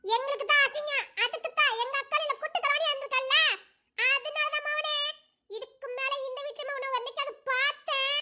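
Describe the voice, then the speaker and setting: A bossy young village woman who considers herself in charge of the whole house, played by a woman. Her voice is very high and bright, and she delivers every line as sharp, mocking scolding. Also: steady tone, brisk, heavily acted. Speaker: actress in a short romance drama. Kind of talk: dramatic village romance acting.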